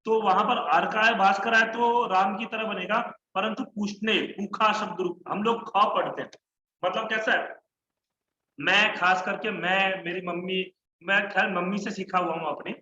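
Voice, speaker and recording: A man's voice: high-pitched, fairly even intonation, unhurried, pushed and bright, roomy sound, highs cut off, a little hiss or hum. A man teaching an online Sanskrit class, chanting word forms in rhythmic lists and correcting his students. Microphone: online class call mic.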